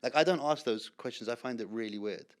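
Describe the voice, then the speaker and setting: A man's voice: medium pitch, fast talker. A man speaking as a podcast guest, wry and blunt, joking and saying "bro" a lot. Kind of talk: casual podcast chat.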